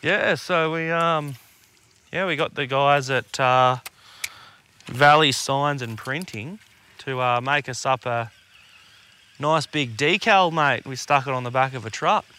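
Casual podcast banter comes from an Aussie co-host in relaxed, sweary, slang-filled tradesman fashion. His medium-pitched voice is unhurried, sharp and clean.

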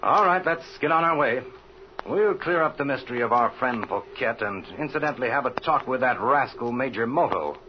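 A man's voice: mid-range voice, lively intonation, fairly quick, close to an everyday voice. A resolute lawman from a 1930s radio serial, played by a male actor, talking with firm, unflappable authority. The sound is muffled, with a light vintage hiss. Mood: brisk, determined. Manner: firm, authoritative old-time lawman talk. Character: resolute male detective facing down crooks, unflappable.

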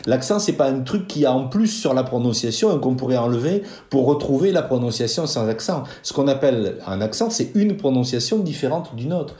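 A man explains his field in a measured interview answer, pausing often to find the right words. His voice is mellow and dark. The sound carries a roomy echo around him. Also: medium pitch, animated. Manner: measured, deliberate, many hesitations. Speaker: linguist guest.

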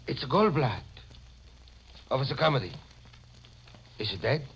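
Excitable immigrant shopkeeper. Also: male voice, mid-range voice, vocal fry, breathy edge, heavily acted, low-quality recording. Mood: worried. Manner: halting broken English, urgent. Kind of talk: 1940s American radio drama acting.

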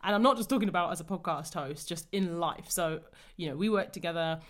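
A woman's voice: fairly low pitch, brisk, a bit bright. A woman hosting a podcast, talking enthusiastically and reflectively in a casual conversation. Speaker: podcast host.

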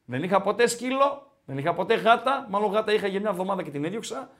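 A man hosts a relaxed football chat show. His voice sits high and swings widely as he talks, and he often repeats his own phrases. He reads viewer messages aloud in an animated, chatty way. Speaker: podcast host.

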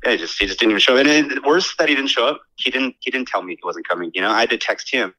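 A man's voice: mid-range voice, racing, pushed and bright, poor audio. A man talking over a phone on speakerphone, joking and teasingly grumbling in a casual chat. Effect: heard over a phone on speakerphone. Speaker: phone-in friend.

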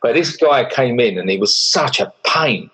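A middle-aged man with a broad Essex accent and a husky voice at an ordinary male pitch. He talks in a casual, plain-spoken style, dropping slang and the odd swear word as he tells his stories. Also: animated, moderate pace, a bit bright, rough recording. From Essex, England. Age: middle-aged or older. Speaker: volunteer barber for homeless people. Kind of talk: casual chat, telling anecdotes.

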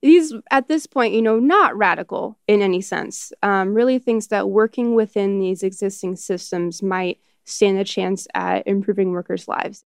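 A woman's voice: mid-range voice, normal speed, vocal fry, few pauses, clear, resonant tone, dry recording. Woman explaining history, dry close sound. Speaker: expert interviewee.

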